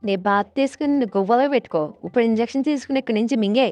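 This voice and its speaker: A woman voicing a sharp-tongued married nurse and tiffin seller in a cartoon. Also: on the high side, no echo, soft background music, natural voice. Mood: scolding. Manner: quick, scolding retorts.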